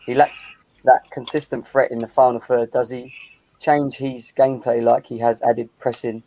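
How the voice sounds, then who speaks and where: A man's voice: mid-range voice, little pitch movement, normal speed, mellow, poor audio. A man hosting a casual group livestream, reading out viewer comments and stats. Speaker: stream host. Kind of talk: casual chat.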